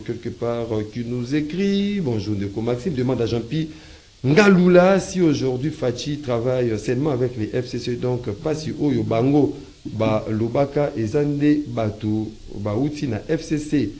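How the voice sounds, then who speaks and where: Man reading listener messages, mellow voice. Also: medium pitch. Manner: halting reading with many fillers, mixing French and Lingala. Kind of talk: reading viewer comments aloud on a talk show.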